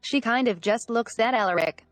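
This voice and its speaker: A woman with a medium-pitched voice talks in character during a tabletop game. The recording is close and dry, and her style is casual. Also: normal speed, fairly bright tone, dry recording, soft background music.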